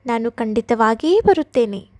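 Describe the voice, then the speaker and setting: A woman voicing a truthful mother cow in a children's storybook, speaking her lines calmly and evenly. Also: a little high, moderate pace, no room sound, clean studio sound, pitched below the performer's own voice, close to an everyday voice. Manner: calm, even reading.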